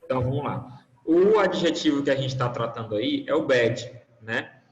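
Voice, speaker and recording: Patient teacher in an echoey room. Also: male voice, medium pitch, animated, moderate pace. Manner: patient, explaining with frequent check-ins like "né?" and "tá?". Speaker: English teacher. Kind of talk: online class explanation. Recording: roomy, reverberant, dull lo-fi call audio.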